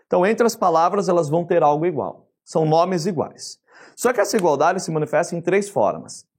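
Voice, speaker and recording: A Brazilian man teaching a grammar lesson in a lively, chatty way, often asking the class questions. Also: a little high, brisk, breathy edge. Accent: Brazilian Portuguese.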